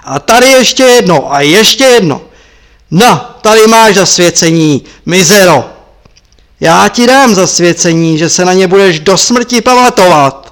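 A man voicing a stern, furious old male master who yells and scolds harshly. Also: high voice, expressive.

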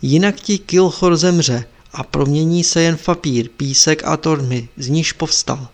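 A man's voice: fairly high pitch, natural voice. A man voicing an old male sorcerer who teaches his apprentice in a solemn, instructive way in a storybook reading.

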